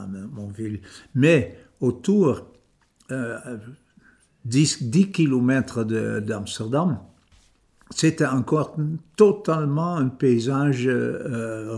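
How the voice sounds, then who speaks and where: A man's voice: lowish voice, darkish tone. An older man with a Dutch accent, a native Dutch speaker recalling his life in an interview, hesitating and restarting his words often. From Netherlands. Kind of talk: reminiscing interview.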